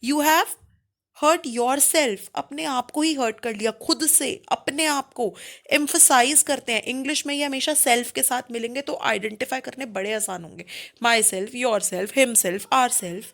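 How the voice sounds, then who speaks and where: A young woman teaching a grammar lesson, mixing Hindi and English, who explains patiently, checks in often, and reads her English examples slowly. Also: high voice, vocal fry, fairly bright tone. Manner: slow, spelled-out English examples.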